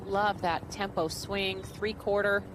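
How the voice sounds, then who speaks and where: A woman's voice: medium pitch, level tone, slow pace. A woman giving live golf commentary as an analyst, in short, clipped analytical remarks. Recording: noisy outdoor broadcast ambience. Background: outdoor golf course ambience.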